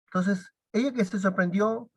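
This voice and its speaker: A woman, teaching at a church discipleship class and retelling a story full of quoted dialogue, with halting restarts. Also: mid-range voice, breathy edge, no echo. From Peru. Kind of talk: sermon storytelling.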